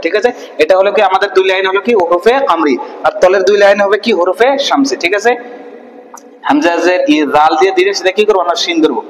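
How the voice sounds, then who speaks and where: A man teaching Quran reading online, spelling syllables slowly and answering his own questions. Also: sits high, roomy sound, in a large hall, low-quality recording. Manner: stretches out recited words in a slow chant.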